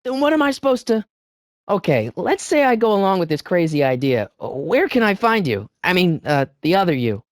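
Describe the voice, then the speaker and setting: Here a teenage boy gives an animated video game performance as an eager adventure hero with a good heart. He speaks at a moderate pace in a high voice that swings up and down, with hesitant stammers and a disbelieving edge. The recording is dry.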